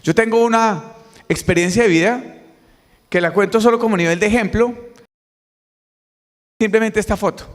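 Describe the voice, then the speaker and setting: A middle-aged man with a Colombian accent gives a motivational conference talk and keeps drawing answers from the audience. His voice sits fairly high. The long reverb of a large hall hangs behind every phrase. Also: normal speed, long pauses. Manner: lively, questions the audience directly. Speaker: motivational speaker. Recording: reverberant hall, mic on stage.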